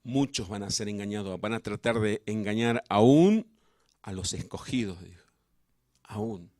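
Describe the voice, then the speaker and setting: A man's voice: fairly low pitch, animated, normal speed, a little mellow, dry recording, studio quality. A man with an Argentine Spanish accent, preaching a fervent sermon as pastor in a church, with rising, emphatic peaks.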